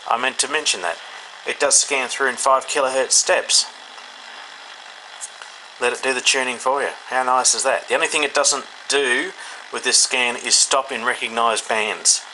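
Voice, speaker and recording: A hobbyist radio reviewer from Australia gives an informal, unscripted take on a product from a room at home, hesitating as he thinks out loud. His mid-range voice is bright and forceful, with fairly even intonation at a normal speed. Poor audio and clear background noise mark this indoor home recording.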